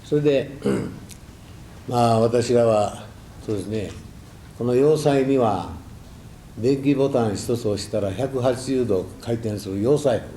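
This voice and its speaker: An older man giving a reflective, halting temple talk drawn from his own memories, with folksy asides. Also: mid-range voice, warm tone. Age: 60s or older. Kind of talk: sermon with personal war recollections. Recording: echoey room, faint background noise.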